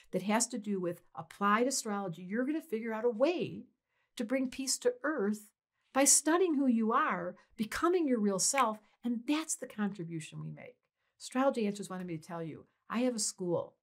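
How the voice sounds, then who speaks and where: A middle-aged woman speaking as an astrologer, giving a horoscope talk to camera in an emphatic, exhorting way, addressing viewers directly. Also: mid-range voice. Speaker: astrologer hosting a horoscope series.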